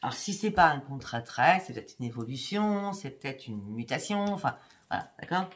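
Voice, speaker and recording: A woman with a bass voice reads tarot briskly for her viewers, a psychic card reader in a chatty mode who often checks in with "hein" and "d'accord." Clicks and steady background noise are audible.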